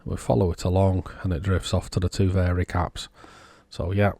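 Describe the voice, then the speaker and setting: A man giving casual, unhurried technical commentary, thinking aloud as he inspects a circuit board. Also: sits low, little pitch movement, mellow, husky, no room sound. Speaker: electronics repair vlogger.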